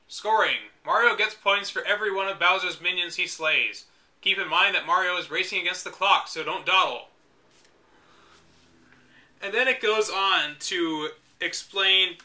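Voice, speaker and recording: A man with a high, bright, forceful voice reads a game guide aloud, stopping now and then for wry, exasperated asides. He acts as both reader and commentator, delivering the book with sarcastic remarks.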